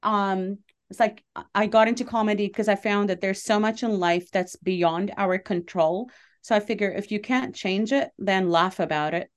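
A woman's voice: mid-range voice, moderate pace. A middle-aged woman from Lebanon, a comedian, answering interview questions in an earnest, chatty way with many fillers and easy laughs. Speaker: comedian and show producer.

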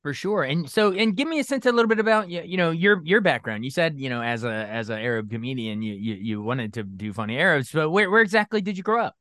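A man's voice: on the high side, lively intonation, a bit bright, dry recording, studio quality. A man interviewing a guest for radio, stumbling and repeating words as he shapes his questions. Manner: halting, repeats words while forming questions.

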